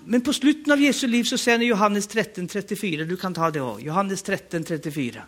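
A man's voice: high-pitched, a bit bright. A man with a Norwegian accent preaching a sermon, emphatic and urging the congregation to respond.

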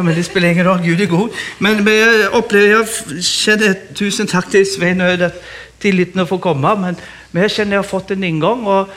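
High-voiced animated male preacher. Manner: animated, exclaiming, laughing often. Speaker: guest preacher. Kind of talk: lively sermon.

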